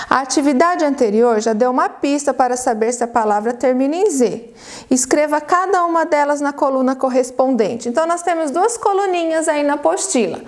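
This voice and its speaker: A Brazilian Portuguese woman teaching a primary school class on video, dictating words slowly and cheering the children on. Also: high-pitched, darkish tone. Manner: slow, drawn-out word dictation with encouraging prompts. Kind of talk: recorded video lesson for children.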